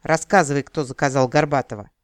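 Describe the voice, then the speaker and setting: A man's voice: medium pitch, fairly even intonation, quick pace, no room sound, studio quality, close to an everyday voice. A man doing a curt, stern elf detective. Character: grim, stern male elf investigator, calm.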